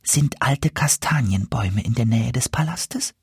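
A man voicing a wise, helpful female goose in a fairy-tale reading, speaking gently and sometimes in a whisper. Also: mid-range voice, lively intonation, measured pace, slightly rough, no room sound, clean studio sound, exaggerated voice. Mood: confiding. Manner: gentle, confiding, partly whispered.

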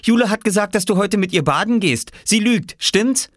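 A man voicing a hot-tempered, jealous young boy who bursts out in shrill, indignant protests, in a storybook reading. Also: expressive, normal speed, fairly bright tone, dry recording, clean studio sound.

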